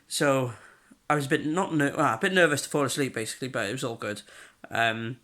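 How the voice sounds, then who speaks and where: A young man records a rambling video diary at home while congested, coughing and nursing a sore throat. His medium-pitched voice is brisk, pushed and bright, and he chats loosely with frequent fillers and restarts.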